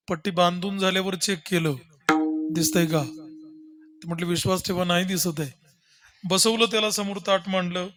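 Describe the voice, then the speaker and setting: High-voiced preacher. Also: male voice. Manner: animated, addressing the audience. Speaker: kirtan preacher. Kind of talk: devotional kirtan storytelling.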